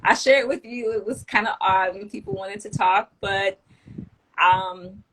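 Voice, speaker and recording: A woman's voice: medium pitch, unhurried, fairly bright tone, slight background noise, poor audio. A woman from the DC area, guest on a casual video interview, chatty and upbeat with many fillers and restarts. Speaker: guest, cannabis content creator.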